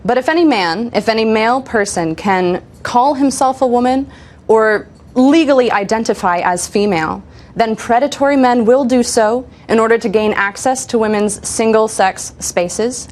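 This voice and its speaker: A woman answering interview questions in a firm, measured way, with the occasional filler. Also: a little high, darkish tone. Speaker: interview guest, women's advocate.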